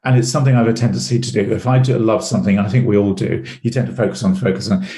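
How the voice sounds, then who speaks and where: Low-voiced middle-aged man telling stories. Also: very fast, warm tone, roomy sound. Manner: rambling anecdotal storyteller, repeats words. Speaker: guest, sales trainer. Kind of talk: casual interview storytelling.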